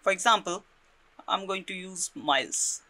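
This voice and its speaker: With a measured pace, a male tutorial presenter walks through software one step at a time, checking in often and repeating words. His voice is a touch high and cuts through sharply, and the recording is close, dry and without room sound.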